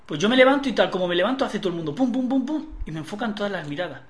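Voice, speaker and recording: A man telling a long, crude, animated story in a casual chat, acting out the voices of the people in it. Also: high-pitched, very fast, noisy background. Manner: animated, profane, acts out quoted voices. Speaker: podcast co-host telling a story.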